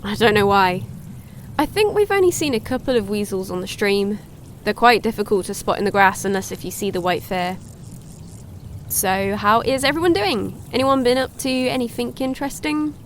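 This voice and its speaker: An actress playing a cheerful young woman hosting a woodland wildlife livestream, chatty and excitable. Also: medium pitch, moderate pace, a little hiss or hum, close to an everyday voice. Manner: chatty, excitable, gasps at sightings. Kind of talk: audio drama, chatty live-stream narration.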